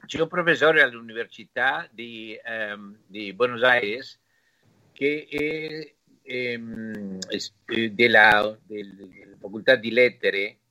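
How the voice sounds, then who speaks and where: A man from Argentina speaking with an Argentine Spanish accent as a native Spanish speaker, halting and searching for words in a casual interview. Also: mid-range voice, bright, forceful tone, poor audio. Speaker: interview guest.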